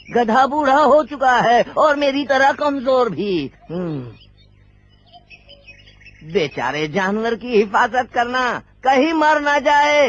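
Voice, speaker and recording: A man's voice: very high-pitched, sharp tone, exaggerated voice. Fussy frail old man. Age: older. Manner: fussy, rambling, fretful. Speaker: voice actor in a film dub. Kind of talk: dubbed film acting.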